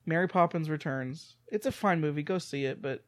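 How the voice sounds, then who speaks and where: A man's voice: a little high, a little fast. A man co-hosts a podcast. He jokes his way through loose, rambling banter in an easygoing conversational tone. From American. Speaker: podcast co-host.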